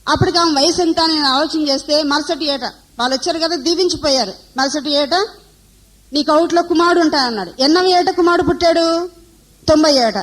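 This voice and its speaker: High-voiced woman preaching. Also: brisk, slight background noise, low-quality recording. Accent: Telugu. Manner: asks the audience questions and answers them. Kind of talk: sermon to a women's conference.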